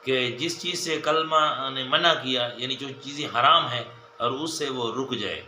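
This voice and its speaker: Bright, echoey male religious teacher. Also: medium pitch, a little hiss or hum. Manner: repetitive, enumerating points, addressing viewers as dear friends. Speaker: mufti giving a hadith lesson. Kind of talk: religious lesson. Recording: echoey room with faint ambience.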